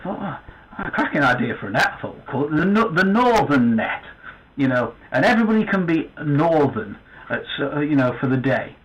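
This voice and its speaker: A man's voice: medium pitch, lo-fi sound. A man with a northern English accent, guest-hosting an amateur radio net in a chatty, joking way with lots of fillers and restarts. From northern England. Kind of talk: casual amateur radio chat.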